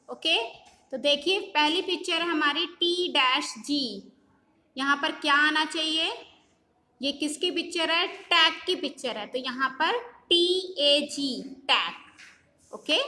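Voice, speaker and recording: A woman teacher with an Indian English accent slowly spelling out and repeating simple English words for young children in a recorded phonics lesson. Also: high voice, bright, forceful tone. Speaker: primary school teacher. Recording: echoey room with long reverb.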